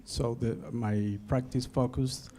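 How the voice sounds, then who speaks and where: A man's voice: medium pitch, fairly even intonation, slow, mellow, a little hiss or hum. A middle-aged man from Bolivia, a law professor and panelist, speaking hesitantly with many fillers. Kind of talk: panel presentation.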